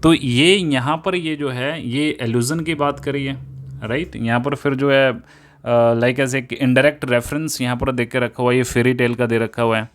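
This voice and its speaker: A man gives an English poetry lesson, explaining things step by step, frequently repeating himself, and reading quoted lines slowly. His pitch is medium and his intonation fairly even.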